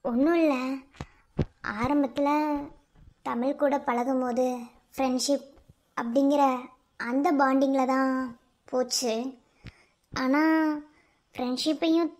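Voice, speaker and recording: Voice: sits high, fairly even intonation, slow pace, long pauses, slight background noise, voice pushed down. A performer voicing a polite, hesitant young man with a Madurai Tamil accent.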